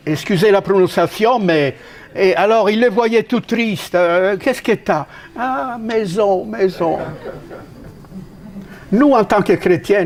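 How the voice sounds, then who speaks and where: With a distinct Italian accent, a man from Italy preaches emphatically, his pitch jumping up and falling abruptly as he stops and starts again.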